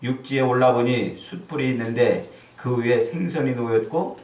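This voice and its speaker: A man preaching a sermon as pastor, acting out the quoted lines with sudden loud, high outbursts. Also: normal speed, roomy sound, far from the mic, low-quality recording. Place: church sanctuary.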